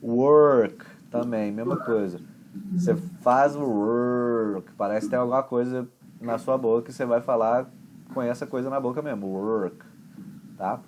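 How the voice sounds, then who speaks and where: A man's voice: medium pitch, fairly even intonation, brisk, background noise. Chatty Brazilian man teaching English. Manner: chatty, explains with homely examples. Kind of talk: conversation class explanation.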